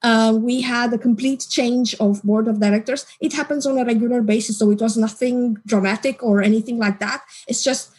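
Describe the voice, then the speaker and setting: A woman, a guest in an interview, explaining her work in a measured way. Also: on the high side, steady tone, a little mellow, husky. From Romania. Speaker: guest, customer support team manager. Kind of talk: interview answers.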